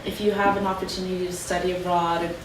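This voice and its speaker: An alumna panelist speaks on a career panel in a lecture room, her lowish voice delivered flatly and fast as she offers casual, chatty advice full of fillers. The recording is echoey, with a distant mic and background noise.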